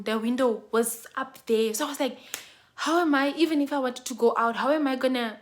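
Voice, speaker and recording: A young woman with a South African accent, telling her own story to her viewers in a casual, dramatic way, jumping between loud bursts and hushed asides. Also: a little high. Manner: talks straight to her viewers, often calling them "guys".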